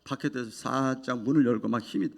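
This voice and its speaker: A man preaching a sermon as a pastor, telling an emotional testimony that swings from hushed to loud. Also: medium pitch, steady tone, quick pace, creaky.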